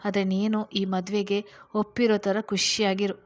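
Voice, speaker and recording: A woman's voice: mid-range voice, flat delivery, moderate pace, close to an everyday voice. A woman voicing a scheming, confident older sister in a storybook reading, talking in a reassuring, commanding way.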